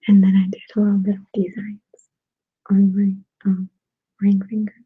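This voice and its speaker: A woman chatting to viewers in a soft, unhurried whispered ASMR style. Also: medium pitch, completely flat delivery, slightly rough, dry recording. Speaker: ASMR creator. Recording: dry tinny phone-like sound.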